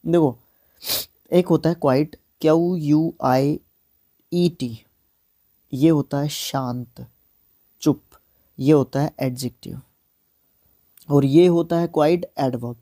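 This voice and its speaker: Mellow-voiced male vocabulary teacher. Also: a little high, no echo, clean studio sound. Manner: slow, deliberate spelling out of words letter by letter; frank, self-correcting explanations. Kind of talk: exam-prep vocabulary lesson.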